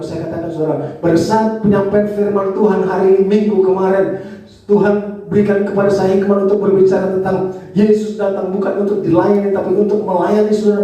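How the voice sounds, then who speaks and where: A man with an Indonesian accent preaches a Sunday sermon, his voice high-pitched but mellow and dark in tone. He keeps turning to the congregation, switching between raised, emphatic lines and low, muttered asides. The sound booms around a reverberant church hall, heard from some way off the microphone. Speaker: pastor. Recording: echoey hall, voice from a distance.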